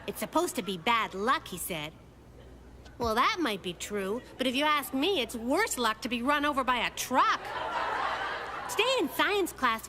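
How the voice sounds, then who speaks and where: A woman voicing a bright, chatty, quick-witted little girl in a children's cartoon, telling things in an animated, wisecracking way. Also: sits high, noisy background.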